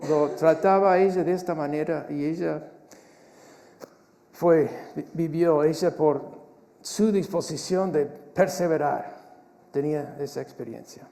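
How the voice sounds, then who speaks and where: A man's voice: on the high side, gravelly, darkish tone. Man preaching in an echoing church hall. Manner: earnest, with frequent restarts and repeated words. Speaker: pastor. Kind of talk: sermon.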